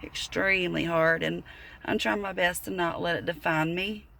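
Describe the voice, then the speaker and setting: Brief: earnest woman in her thirties, halting casual vlog delivery with a gravelly edge. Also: on the low side, steady tone, fairly bright tone. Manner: halting, earnest, full of fillers and restarts. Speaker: vlogger. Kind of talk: casual personal vlog talk.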